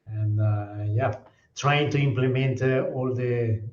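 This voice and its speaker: A man speaks over roomy, dull call audio. He pauses often and fills the gaps with hesitant fillers as he describes his work. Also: medium pitch, steady tone, darkish tone. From Venezuela. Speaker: portfolio manager.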